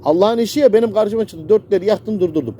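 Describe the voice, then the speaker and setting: A man talking tenderly to a rescued stray kitten at night, coaxing it in soft baby talk, recorded on a phone outdoors with loud music playing over him. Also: high-pitched, fast, a little hiss or hum. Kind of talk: casual affectionate talk to an animal.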